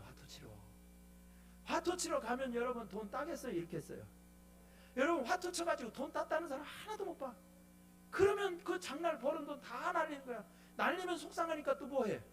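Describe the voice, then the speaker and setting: Lively Korean man preaching a revival sermon. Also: sits high. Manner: animated storytelling with rhetorical questions to the congregation. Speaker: guest preacher. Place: church sanctuary.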